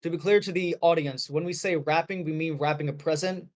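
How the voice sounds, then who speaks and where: A man co-hosting a podcast chats casually about a movie, rambling, leaning heavily on fillers and restarting to correct himself. His voice sits on the high side, with fairly even intonation and a fairly quick pace.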